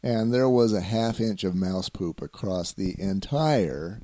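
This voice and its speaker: A man's voice: on the low side, animated, a little slow, warm tone, no echo, clean studio sound. A man hosting a home podcast as a home inspector, explaining repairs in a wry, self-deprecating way. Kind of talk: casual chat.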